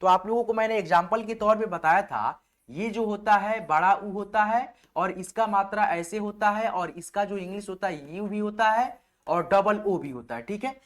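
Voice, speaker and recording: Male tutor for a step-by-step spelling lesson: patient, repetitive, slow letter-by-letter delivery, close voice-over. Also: high-pitched. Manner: patient, repetitive, spells letters out slowly, keeps checking in with "okay friends". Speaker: online English teacher.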